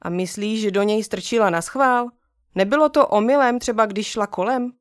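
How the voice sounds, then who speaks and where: A woman reading a soft-spoken patient dad. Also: mid-range voice, no room sound, studio quality, close to an everyday voice. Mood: gentle. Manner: calm, soothing, kindly questioning. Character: gentle patient young father comforting son. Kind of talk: storybook reading.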